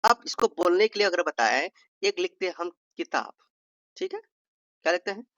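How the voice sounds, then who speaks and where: A man's voice: sits high, big pitch swings, normal speed, fairly bright tone, no echo. Bihari-accented male tutor, playful and chatty, dull lo-fi sound. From Bihar, India. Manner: playful, stretches vowels to demonstrate, addresses viewers as brother. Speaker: exam tutor. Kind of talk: informal revision lesson.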